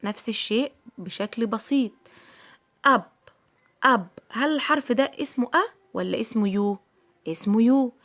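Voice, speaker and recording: A woman's voice: a little high, brisk. A middle-aged woman with an Egyptian Arabic accent teaching English letter sounds to children, patiently repeating each sound and checking in with her pupils. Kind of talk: phonics lesson for children.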